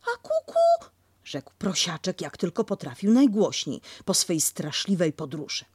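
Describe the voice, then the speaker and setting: A woman narrating a children's storybook in an expressive, animated way. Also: fairly low pitch, moderate pace, slightly rough, dry recording, clean studio sound.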